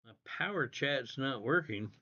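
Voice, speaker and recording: A man's voice: mid-range voice, animated, measured pace, bright, forceful tone, highs cut off. A man hosting a livestream, telling a rambling, profane story in casual chat. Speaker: livestream host.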